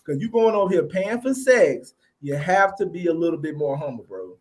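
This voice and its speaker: A man hosting a podcast, talking in quick, blunt casual commentary. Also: fairly high pitch, big pitch swings, darkish tone. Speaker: podcast host.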